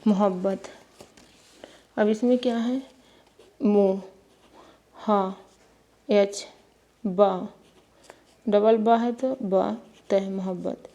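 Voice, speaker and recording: Woman teacher, spelling lesson, letter-by-letter, unhurried pace. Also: medium pitch, steady tone, mellow. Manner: slow, spelling names letter by letter.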